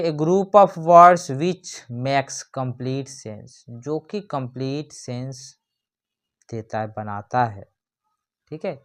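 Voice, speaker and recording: A teacher in an explanatory lesson who talks at a slow, unhurried pace. Definitions come out drawn-out and deliberate, then get broken down with rhetorical questions. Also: medium pitch. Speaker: English grammar teacher.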